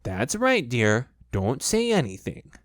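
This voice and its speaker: A reader voicing a fussy mother kangaroo in a storybook, brisk, soothing and firm. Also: mid-range voice, wildly swooping pitch, no echo, studio quality. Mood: brisk, motherly. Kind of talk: storybook reading.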